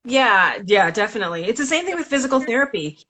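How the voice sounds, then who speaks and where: A talkative woman hosting a casual chat over a video call, lively and swearing offhandedly. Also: a little high, quick pace. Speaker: host. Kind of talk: casual live-stream chat.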